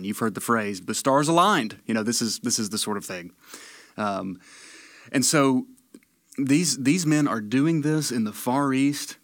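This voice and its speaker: A man's voice: lowish voice, dry recording, studio quality. A man from Tennessee with a Tennessee accent, hosting and teaching the Bible in a casual storytelling way, often repeating words.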